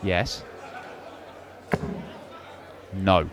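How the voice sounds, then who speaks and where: A man's voice: low-pitched, flat delivery, slow, vocal fry. A man giving conversational live darts commentary, stacking short phrases for emphasis. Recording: crowd noise behind commentary. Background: darts crowd.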